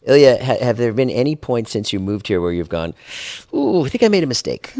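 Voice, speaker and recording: A man hosting a casual podcast, his pitch swinging widely as he talks. He teases his guests playfully and breaks into laughter often. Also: fairly quick. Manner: teasing, lively, laughs often. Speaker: podcast host. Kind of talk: casual chat.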